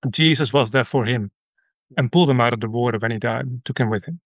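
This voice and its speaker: A man from the Netherlands with a Dutch accent, a ministry leader recounting his story as an interview guest in an earnest, halting way with many fillers. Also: mid-range voice, no echo. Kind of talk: conversational interview.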